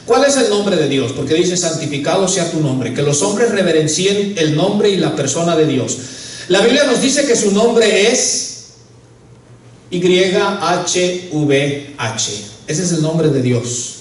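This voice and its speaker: High-voiced preaching pastor, echoey hall. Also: male voice, very animated, normal speed. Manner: earnest preaching, repeats "hermano", rises to emphatic peaks. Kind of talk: sermon. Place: church sanctuary. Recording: echoey church hall, mic at a distance.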